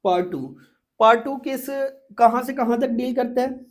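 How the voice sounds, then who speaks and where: Speaking at a moderate pace in a very high voice, a Pakistani-accented teacher walks through exam-prep material step by step. He frequently repeats points and drops in small check-in words.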